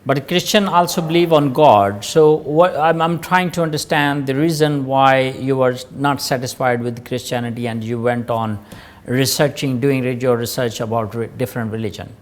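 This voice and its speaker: A man's voice: medium pitch, steady tone, normal speed. A man hosting an interview, introducing his guest and asking earnest, probing questions. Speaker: interview host.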